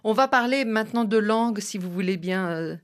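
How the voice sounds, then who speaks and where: A woman hosting a radio interview, asking questions in a measured, articulate way. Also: medium pitch. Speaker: radio host.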